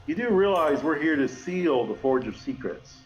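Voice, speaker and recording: A man playing a tabletop game, talking casually and softly. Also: a little high, big pitch swings, moderate pace, dull audio, faint music behind. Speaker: player.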